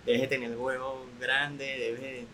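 A young man with a Venezuelan accent, a content creator guest, talking candidly in a relaxed, soft-spoken way. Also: medium pitch, a little slow, a crowd in the background, poor audio. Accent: Venezuelan Spanish. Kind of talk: casual podcast interview.

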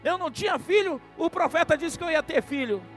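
A man's voice: very high voice, lively intonation, fairly quick, soft background music, pitched above the performer's own voice. A man acting out a desperate rich mother who pleads frantically over her dead son, as part of a sermon. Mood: commanding. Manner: frantic, pleading, rising to cries.

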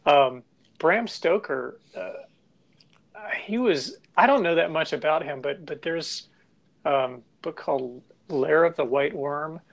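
A man co-hosting a podcast, talking casually in a halting way with many restarts. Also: on the high side, gravelly, poor audio. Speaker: podcast co-host. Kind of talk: casual discussion.

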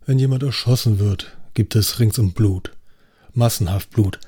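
A man's voice: fairly low pitch, measured pace, warm tone, slightly rough, voice pushed down. A man voicing a skeptical, experienced police inspector with a dry delivery. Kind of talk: audiobook acting.

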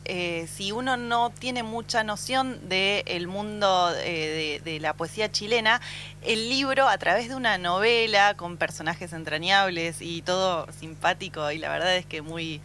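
A woman's voice: lowish voice, a little slow, sharp tone, a little hiss or hum. A woman with an Argentine accent hosting a casual literary radio show, chatty and enthusiastic, repeating words for emphasis.

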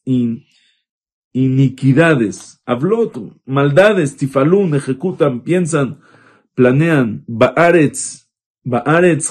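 A rabbi, a man with a husky, slightly breathy voice, gives a Torah class. He retells a biblical story in plain storytelling and then translates Hebrew verses one phrase at a time. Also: mid-range voice, darkish tone.

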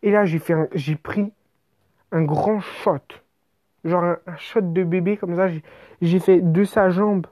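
A woman's voice: fairly low pitch, fairly even intonation, measured pace, mellow, dry recording. A woman telling an absurd comic story in the first person, in casual slang and with lots of rambling and restarts.

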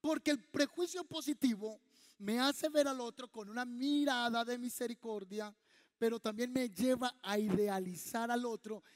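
A man, preaching a humorous, animated sermon as pastor in a church. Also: extremely high pitch. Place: large church hall. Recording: long hall reverb.

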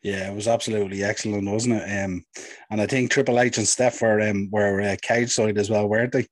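A man's voice: lowish voice, steady tone, brisk, no room sound. A man co-hosting a podcast in a casual chat style. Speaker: podcast co-host.

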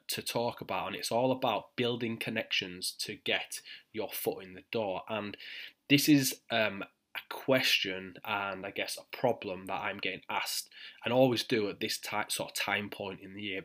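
A man with a thick Yorkshire accent hosting a solo podcast, talking in a halting, deliberately slowed way with repeated words. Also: lowish voice, pushed and bright. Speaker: podcast host, physiotherapy mentor. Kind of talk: solo podcast talk to listeners.

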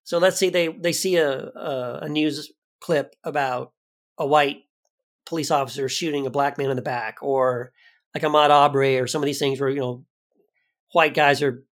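A man co-hosting a podcast in casual conversation, animated, his voice jumping high for emphasis. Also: moderate pace. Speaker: podcast co-host.

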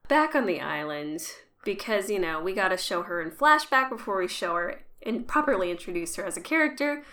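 A woman co-hosting a podcast, casually recapping an episode with wry asides and quick quoted lines. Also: mid-range voice, lively intonation, sharp tone. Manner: chatty, wry, quotes characters in quick voices. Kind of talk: casual chat and recap narration.

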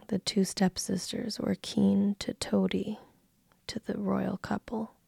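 Whispered bedtime-story voice, woman, low and flat, slow unhurried read. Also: vocal fry, slightly rough, no room sound, clean studio sound. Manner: soft unvoiced whisper throughout. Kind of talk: ASMR whispered fairy tale reading.

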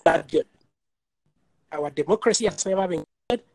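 A man's voice: high voice, moderate pace, vocal fry, a little mellow, no room sound. A man from Nigeria hosting a casual call-in discussion, stating his views bluntly and repeating his points. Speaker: podcast host. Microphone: phone or video call.

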